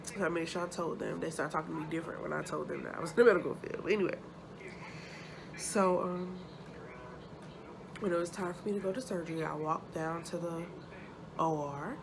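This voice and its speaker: A woman gives a casual personal update in a low voice full of vocal fry. She sounds uncomfortable and sore after surgery, pausing often as she talks. Noticeable background noise sits behind her. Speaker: vlogger. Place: hospital room.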